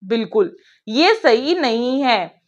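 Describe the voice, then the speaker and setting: A woman's voice: fairly high pitch, sing-song, takes it slowly. A young woman teaching an online grammar class, chatty, asking her pupils questions and answering them herself. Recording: dull lo-fi sound.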